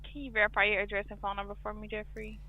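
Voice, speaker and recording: A woman's voice: medium pitch, monotone, quick pace. A woman working as a clinic phone agent, taking details on a customer service call. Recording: tinny phone line with hum.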